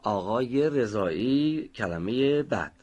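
Husky-voiced male recitation teacher. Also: mid-range voice, lively intonation, a little mellow. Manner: slow, deliberate pronunciation of example words. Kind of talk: instructional lesson. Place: recording studio.

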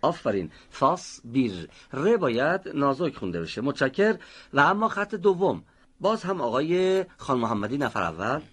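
A man teaching Quran recitation, explaining how to pronounce a letter and slowly sounding out example words. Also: mid-range voice, big pitch swings, fairly bright tone, slightly rough. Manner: slow, deliberate pronunciation of example words. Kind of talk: instructional lesson. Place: recording studio.

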